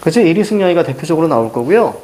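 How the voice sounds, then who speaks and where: A middle-aged man teaching Korean literature for exams, lecturing in a lively way and firing quick questions at his students. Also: a little high. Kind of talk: exam-prep lecture.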